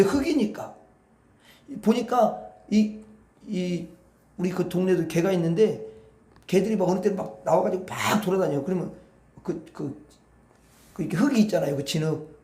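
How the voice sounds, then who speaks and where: A male pastor with a very high voice preaches in a folksy, animated way, rambling and addressing the congregation directly. His sermon echoes around a roomy hall.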